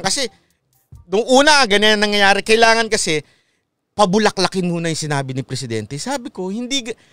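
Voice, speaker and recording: A man chats through a casual live-stream commentary, his fairly high voice leaping around as he makes his case. The tone is smooth and clear, with soft music under it. He keeps repeating himself and asking his listeners if they follow. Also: no echo. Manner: animated, repeats points, asks listeners "okay?". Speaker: online commentary host.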